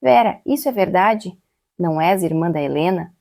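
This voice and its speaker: A woman's voice: fairly low pitch, animated, moderate pace, vocal fry, dark tone, no room sound, clean studio sound. A woman voicing a distraught adopted teenage girl in a storybook reading, speaking in a pleading, broken-up way. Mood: distressed.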